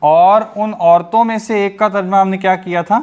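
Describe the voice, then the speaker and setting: A man's voice: high-pitched, steady tone, moderate pace, darkish tone, clean tone. A man teaching a grammar lesson over an online class. He explains step by step, asking the class questions and then answering them himself.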